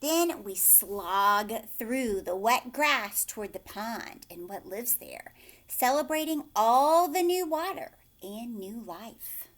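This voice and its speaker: Her voice a little high and expressive, a teacher reads a picture book to young children at a slow pace. She elongates words and drops into quiet asides, asking her listeners questions.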